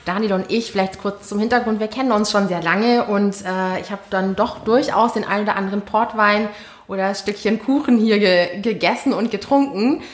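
A woman's voice: medium pitch, normal speed. A woman interviewing two podcast hosts, with an upbeat, inviting manner.

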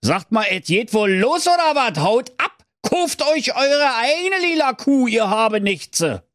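A man voicing a rich, stingy, boastful man who talks loudly and rudely in a Berlin accent. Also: very high voice, sing-song, measured pace, no echo, studio quality, pitched above the performer's own voice, heavily acted. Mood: scolding. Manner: loud, rude, blustering.

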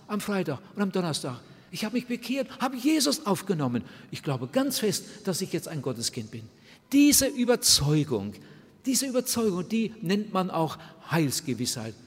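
An older man preaching a sermon to new converts, speaking earnestly and voicing the prayers he quotes. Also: on the high side. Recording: reverberant hall, somewhat husky sound.

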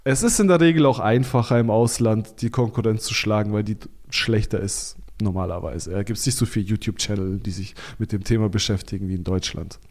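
A man's voice: on the low side, a little fast, few pauses, a little mellow. A man as a podcast guest, giving blunt, informal advice on selling online, with frequent fillers and restarts. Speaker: podcast guest, Amazon seller consultant. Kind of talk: casual expert interview talk.

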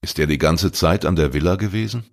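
A man doing a calm, firm detective. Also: low-pitched, a little fast, gravelly. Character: adult male private detective, calm and firm. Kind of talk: audio crime story reading.

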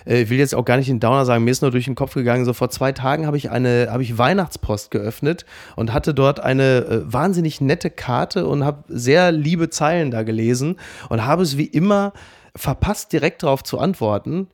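A man co-hosting a podcast in casual chat, quick and chatty, on a close mic. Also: medium pitch, no room sound. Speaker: podcast co-host.

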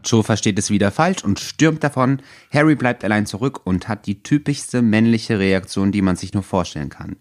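A man with a lowish voice co-hosts a casual podcast about a book. He is ironic and makes jokes as he goes. The talk sounds loose and unscripted. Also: normal speed, few pauses. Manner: ironic, joking. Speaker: podcast co-host.

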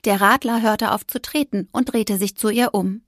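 A woman narrating a children's story in an expressive storytelling manner. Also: medium pitch, normal speed, no room sound, studio quality. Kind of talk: audiobook narration.

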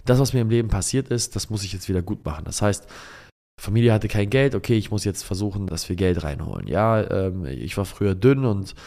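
A man's voice: fairly low pitch, lively intonation, fairly quick, warm tone. A man speaking reflectively in a personal storytelling podcast, often searching for words and repeating himself.

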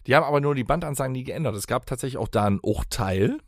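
A man riffing loosely with friends on a podcast, jumping from joke to tangent. His pitch moves up and down a great deal. The sound is dry and close. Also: expressive, rapid-fire, no room sound. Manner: jokey, rambling, puts on silly voices. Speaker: podcast co-host. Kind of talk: casual banter.

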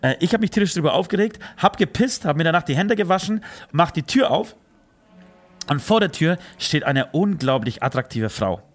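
A man's voice: on the high side, animated, normal speed. Rambling German man, casual banter. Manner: rambling storyteller, many fillers and restarts. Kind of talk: casual chat.

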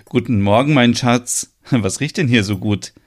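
A man voicing a sleepy, affectionate young woman in an audio soap opera, speaking softly. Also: medium pitch, measured pace, soft background music, natural voice.

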